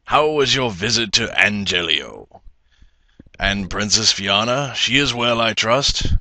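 A man voicing a grand, sinister old king in a booming villain monologue for a video game. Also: lively intonation, slow pace, bright, forceful tone, dry recording, exaggerated voice. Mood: grand, ominous.

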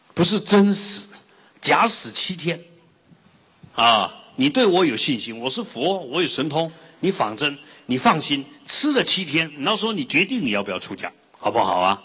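A man voicing a kindly Buddha who gently coaxes a follower into a test. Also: a little high, big pitch swings, normal speed, slightly rough, big-room sound, voice pushed up, heavily acted. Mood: coaxing. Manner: gently coaxing.

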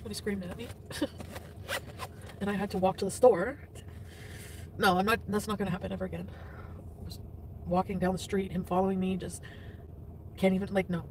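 A woman's voice: medium pitch, little pitch movement, normal speed, long pauses, darkish tone, slight background noise. A woman chatting casually with her livestream viewers, tearful and emotional after crying, greeting people by name. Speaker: livestream vlogger. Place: in a car, driving.

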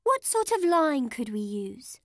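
A woman voicing a friendly little male cartoon monster who loves drawing, talking slowly and gently to young children. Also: high-pitched, sing-song, a little hiss or hum, full character voice. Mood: cheerful. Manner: slow, gentle and cheerful, speaking to children. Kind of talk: cartoon voice acting for preschoolers.

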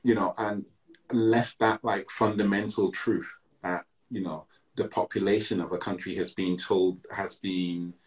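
A deep, low-voiced man from Britain talks things through slowly on a video call from a room at home. He circles back and restarts his thoughts, filling gaps with "you know" as he works out each point. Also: steady tone. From Britain, Barbadian heritage. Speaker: interview guest, musician. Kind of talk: reflective conversation.

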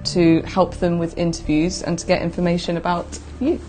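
A woman's voice: fairly low pitch, level tone, moderate pace, warm tone, faint music behind, poor audio. A woman, giving a candid, casual account. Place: domestic kitchen, indoors.

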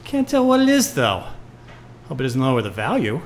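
With a very deep, wildly swooping full character voice at normal speed, a woman acts a sardonic, weary, bitter retired male jazz musician who wisecracks in hep-cat slang and stammers when rattled. It's a live noir audio play on stage in a club, with a bit of hiss or hum on the recording.

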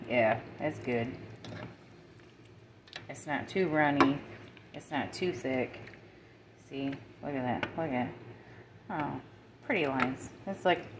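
Woman home-cook vlogger, deep voice, easy and chatty, slight room noise. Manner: chatty, relaxed, talks while tasting. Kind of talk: casual cooking vlog. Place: home kitchen.

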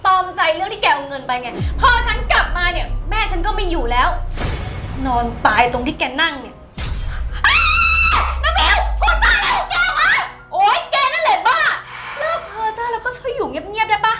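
A woman playing a panicky young swindler who pleads and shouts in a short film. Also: very high-pitched, very animated, fairly quick. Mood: panicked. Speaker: swindler who cheated an aunt. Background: loud music.

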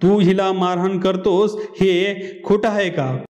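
A man's voice: sits high, little pitch movement, takes it slowly, a little mellow. A man voicing an impatient police officer who questions people sharply and scolds them. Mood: scolding.

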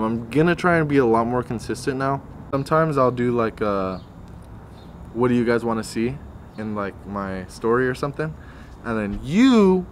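Young gym-bro man vlogging with noisy background. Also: mid-range voice. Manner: hyped gym-bro talk, slangy. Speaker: fitness vlogger. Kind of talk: casual vlog chat to viewers.

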